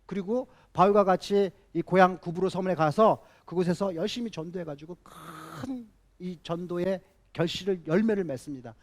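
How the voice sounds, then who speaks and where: Delivering a sermon at a moderate pace, this man has a high voice. As a pastor he speaks emphatically, repeats key phrases, and puts rhetorical questions to his congregation.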